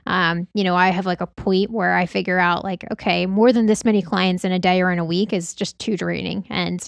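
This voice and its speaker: A woman's voice: lowish voice, fairly even intonation, brisk, gravelly, clear, resonant tone, dry recording. A woman co-hosting a podcast, giving practical advice from her own experience in a casual, conversational style.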